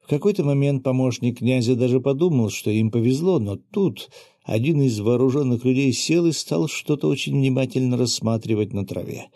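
A man reading an audiobook aloud in steady first-person narration. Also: mid-range voice, moderate pace, no echo, clean studio sound. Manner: steady, even storytelling.

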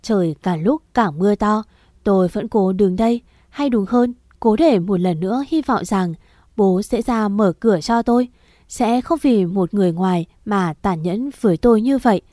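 A woman tells a scripted ghost story in the first person, in a sad, measured way. Her voice sits at a middling pitch and sounds dry and close, as if recorded right at the mic with no room around it. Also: mellow, no room sound.

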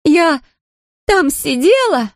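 A woman's voice: sing-song, slow pace, dry recording, clean studio sound, full character voice. A woman reading an audiobook, voicing a drunk, jealous glamorous woman who slurs and shrieks. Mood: drunken shrill. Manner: slurred, shrill, screaming.

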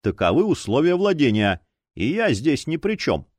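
A man's voice: fairly high pitch, sing-song, moderate pace, no room sound. A man voicing a desperate adult male detective who threatens and pleads in an audiobook. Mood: dry. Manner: fierce, pleading.

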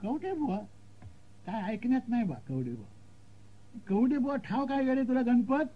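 A man's voice: very high voice, sing-song, moderate pace, pitched above the performer's own voice, heavily acted. A man voicing a rustic village paan seller who gives rambling directions in country speech, on a dull lo-fi recording.

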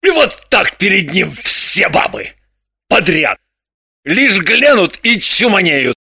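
A reader voicing a boisterous, boastful man who exclaims and shouts hearty remarks in an audiobook. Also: medium pitch, very animated, takes it slowly, vocal fry, husky, no echo, clean studio sound, exaggerated voice. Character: boisterous loud man, boastful card-playing host. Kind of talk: audiobook character voice.

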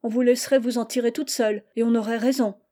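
A woman's voice: fairly high pitch, steady tone, quick pace, dark tone, lightly acted. Woman voicing a blunt peasant bride. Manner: blunt, outspoken country talk. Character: frank, spirited peasant bride at a village wedding.

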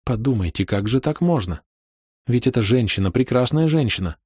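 A man voicing an excitable, passionate middle-aged woman who scolds and pleads with reproach. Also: mid-range voice, moderate pace, husky, dry recording, clean studio sound, voice pushed up. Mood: pleading.

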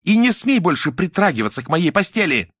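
A man reading an audiobook, voicing a vain, scornful young woman who shouts shrilly. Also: a little high, big pitch swings, a little fast, dry recording, studio quality, pitched above the performer's own voice. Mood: shrill, mocking.

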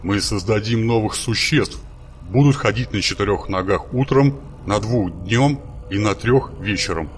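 A man's voice: lowish voice, moderate pace, close to an everyday voice. A man voicing a grumpy, capricious God who snaps and grumbles condescendingly at his servant. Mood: whimsical. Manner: gruff, snapping, condescending. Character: grumpy, capricious, self-satisfied male God.

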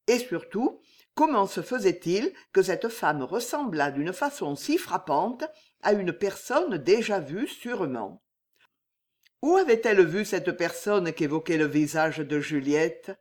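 A woman narrating a classic novel aloud in a measured, expressive way. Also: on the low side. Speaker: audiobook reader.

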